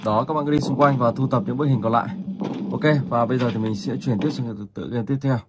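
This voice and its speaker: A man hosting a gaming channel, casually talking viewers through a horror game step by step, with filler pauses. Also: medium pitch, steady tone. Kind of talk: casual gameplay commentary. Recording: noticeable background noise.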